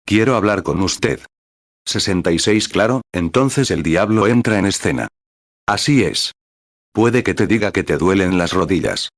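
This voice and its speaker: Man, sermon reader, very low voice, dry sound, steady measured delivery. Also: no room sound. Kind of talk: read sermon with paragraph numbers.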